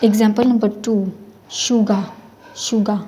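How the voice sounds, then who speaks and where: Young woman doing a chill beginner lesson, mellow even voice, slows way down on the example words. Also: mid-range voice, a little hiss or hum. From Pakistan. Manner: explains patiently, drawing out example words slowly; mixes English phrases into Hindi-Urdu. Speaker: language teacher. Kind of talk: casual language lesson.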